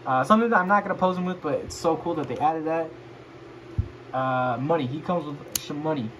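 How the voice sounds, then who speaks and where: A drunk man with a slightly high voice hosts a casual review over clearly audible background noise. He rambles loosely, swears freely and repeats himself as he loses his thread. It sounds like an unscripted home recording. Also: a little fast. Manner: rambling and foul-mouthed. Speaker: host of a toy review video.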